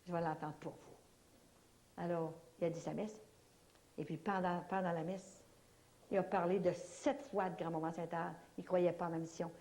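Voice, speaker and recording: A woman with a Québécois French accent giving a spoken religious testimony to an audience, telling her story in an animated, folksy way full of little fillers. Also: lowish voice, normal speed.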